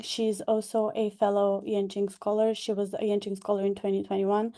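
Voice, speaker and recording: She's a young Bulgarian graduate scholar and former delegate, talking about her experience in an online information session by video call. Her voice is medium-pitched and mellow, her speech hesitant and full of fillers.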